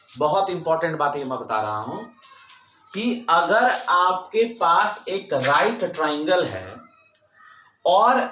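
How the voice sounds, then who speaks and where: A male teacher with a high, bright voice explains things slowly and deliberately. He repeats his key points with emphasis and slips English terms into his Hindi. The recording has a noticeable room echo. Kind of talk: classroom lecture.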